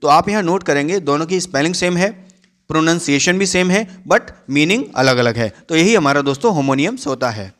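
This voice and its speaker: A man teaching a lesson in a deliberate, explanatory way, spelling out words letter by letter and reading definitions slowly. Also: a little high, animated, fairly bright tone. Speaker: English teacher.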